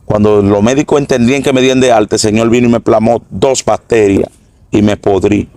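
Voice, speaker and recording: A middle-aged man giving an earnest, halting religious testimony that repeats phrases. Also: fairly low pitch, steady tone, warm tone, no echo. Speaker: former drug trafficker giving testimony.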